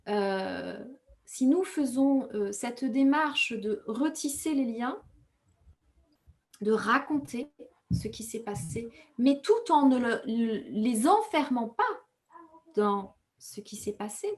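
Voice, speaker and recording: An author from Rwanda, raised speaking Kinyarwanda, gives thoughtful interview answers in a fairly high, animated voice. She is measured, pausing often to find her words, with frequent hesitations and self-corrections.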